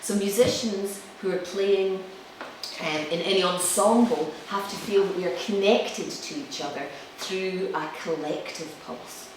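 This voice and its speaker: In a mid-range voice, a woman musician explains her subject during a live lecture with demonstrations, halting now and then and counting out beats. She speaks to an audience in an indoor room. Sound is picked up from afar, in a very reverberant space with faint noise.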